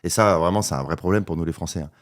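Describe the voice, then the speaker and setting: A man with a lowish voice chats on a podcast at a studio microphone. He is agreeable and hesitant, padding his sentences with fillers and repeating words as he searches for them. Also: rapid-fire. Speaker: podcast co-host. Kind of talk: casual podcast conversation.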